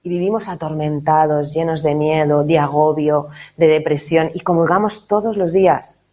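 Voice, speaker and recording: Woman chatting thru a faith class, lowish voice, keeps asking "right?". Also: moderate pace. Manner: lively, conversational, tags phrases with "¿no?". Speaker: catechism course teacher. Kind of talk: casual spiritual talk.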